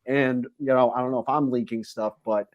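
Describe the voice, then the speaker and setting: A man's voice: medium pitch, fairly even intonation, fairly quick, dry recording, dull audio. A man from a fight promotion, a podcast guest, talking at length in a casual interview with many fillers. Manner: talkative, rambling with many fillers.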